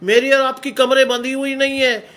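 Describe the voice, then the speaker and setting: High-voiced man preaching a sermon. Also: level tone, moderate pace, pushed and bright. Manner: exhorting, rhetorical questions to the congregation. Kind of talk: Hindi sermon.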